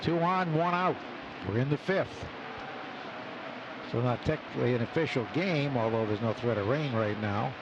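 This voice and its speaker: A man provides live radio play-by-play of a baseball game from an outdoor ballpark's open booth, surrounded by loud stadium sound. He speaks in a mid-range voice at normal speed, and the noisy broadcast is muffled.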